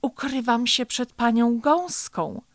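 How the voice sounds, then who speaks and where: A woman's voice: fairly high pitch, takes it slowly, dry recording, voice pushed up. A woman voicing a small, worried boy turtle who talks in an anxious, plaintive way in a storybook reading. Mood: secretive.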